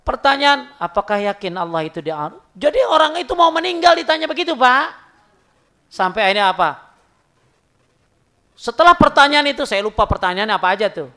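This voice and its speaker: A man's voice: extremely high pitch, a little fast, long pauses. A man giving an informal sermon, telling stories and acting out dialogues. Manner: lively storytelling, acts out dialogues. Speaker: preacher.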